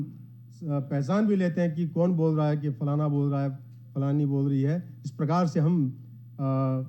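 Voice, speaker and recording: A man giving a formal conference lecture in a measured, explanatory way, reciting Sanskrit verses between his points. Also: on the high side, warm tone. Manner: modest, addresses the gathering. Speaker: academic speaker at a conference. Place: conference hall. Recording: dull lo-fi sound.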